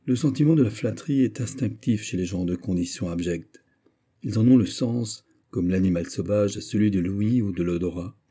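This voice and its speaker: A man reads a classic novel aloud in a measured, even way. His voice is low and very dark. It has a husky grain and a mellow warmth. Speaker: audiobook narrator. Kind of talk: literary audiobook narration.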